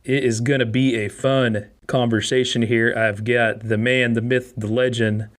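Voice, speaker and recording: A man's voice: medium pitch, little pitch movement, moderate pace. A man hosting a podcast, reading sponsor spots and chatting with his guest in an upbeat, enthusiastic way. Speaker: podcast host. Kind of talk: ad reads and interview chat.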